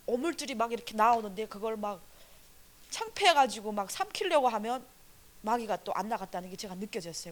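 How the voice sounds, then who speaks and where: A woman evangelist giving an earnest, animated testimony at a church service, with many fillers. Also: mid-range voice.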